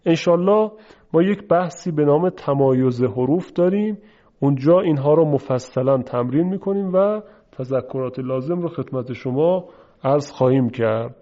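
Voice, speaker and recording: A man's voice: fairly high pitch, dull audio. A man teaching Quran recitation in a recorded pronunciation lesson, explaining patiently and repeating sounds for practice.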